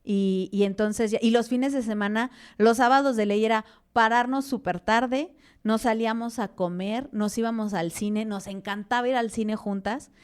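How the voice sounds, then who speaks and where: Mexican woman telling animated stories. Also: fairly high pitch, moderate pace, few pauses, clean tone. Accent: Mexican Spanish. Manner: animated storyteller, acting out dialogue, frequent fillers. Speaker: podcast guest, mother. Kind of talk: interview conversation.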